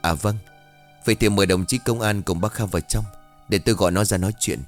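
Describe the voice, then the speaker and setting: A man's voice: on the low side, fast talker, soft background music, lightly acted. A man voicing a hot-tempered middle-aged village father who curses at his son. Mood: polite. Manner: angry, cursing.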